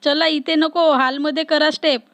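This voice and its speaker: A woman's voice: high voice, fairly even intonation, normal speed, fairly bright tone, no room sound. A woman voicing a cheerful elder sister who teases and laughs at the couples. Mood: teasing. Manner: laughing, teasing. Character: cheerful teasing older sister.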